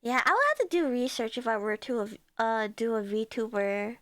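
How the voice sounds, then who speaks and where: A woman's voice: on the high side, lively intonation, moderate pace, fairly bright tone, dry recording. A woman streaming live in casual chat, giddy and rambling with lots of fillers, sounding congested.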